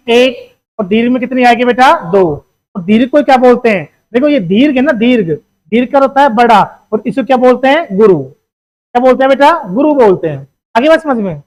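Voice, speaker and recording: In a roughly recorded clip, a medium-pitched teacher leads a grammar lesson aimed at exam preparation. Questions come one after another, each answered by the teacher, who keeps calling the audience "beta."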